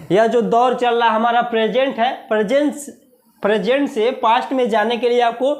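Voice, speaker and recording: A man with an Indian accent teaching a maths lesson for exam preparation, repeating key words slowly and asking the class questions. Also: very high-pitched. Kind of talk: exam-prep video lesson.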